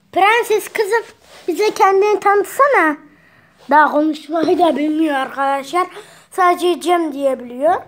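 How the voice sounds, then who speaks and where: A woman filming a casual home video, talking to viewers and cooing at her pet bird. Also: high voice. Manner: keeps addressing viewers as friends, coos at the bird. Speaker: vlogger showing a pet parrot. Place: at home indoors.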